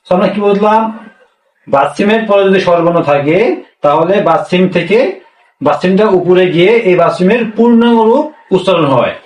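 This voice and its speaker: A man's voice: high voice, brisk, a little mellow, roomy sound, far from the mic, low-quality recording. A man with a Bangladeshi Bengali accent giving a language lesson, patiently explaining step by step and putting many questions to his listeners. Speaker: language teacher. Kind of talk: classroom-style language lesson.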